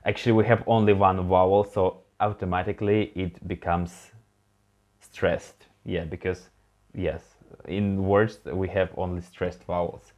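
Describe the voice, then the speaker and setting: Man, language tutor, very low voice, unhurried, patient and encouraging, slightly muffled lo-fi audio. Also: flat delivery, a little mellow. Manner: patient, encouraging, prompts learner to repeat words. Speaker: language teacher. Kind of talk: online language lesson.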